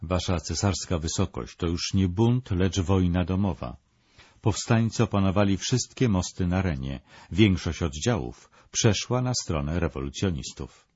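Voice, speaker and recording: A grave, blunt army general delivering bad news formally and solemnly, voiced by a documentary narrator. The voice is low and slightly husky. The sound is dry and dull. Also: male voice, expressive, moderate pace, a little mellow, dry recording.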